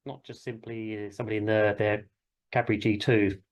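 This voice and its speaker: Leading a casual classroom talk, this British man, a helicopter flying instructor and the session's host, comes across as rambling and hesitant yet encouraging. His fairly low voice keeps a level tone at a slightly fast pace, and the audio sounds dull.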